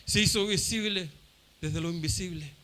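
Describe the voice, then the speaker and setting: A man's voice: high-pitched, normal speed, a little hiss or hum. A man from Chile preaching a fervent Pentecostal sermon, repeating his phrases for emphasis. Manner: fervent, repeats phrases, acts out shouting crowd voices.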